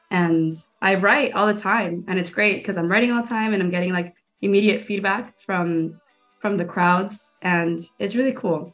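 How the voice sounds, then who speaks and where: Chatty young woman, lowish voice. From Miami, Florida. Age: young adult. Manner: chatty, lots of "like" fillers. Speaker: guest filmmaker and stand-up comedian. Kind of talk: casual interview chat.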